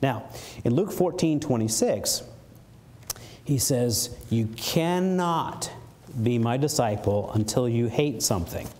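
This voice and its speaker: A man preaching a sermon in a church, animated, acting out playful mock quotes as he explains a verse. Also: mid-range voice, slow. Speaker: pastor. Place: church sanctuary. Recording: faint background noise from a live stream.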